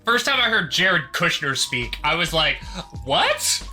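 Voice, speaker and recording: A man on a casual podcast who trades dry quips and short interjections. His voice is high and very bright. Soft music sits underneath. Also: big pitch swings, normal speed. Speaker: podcast co-host.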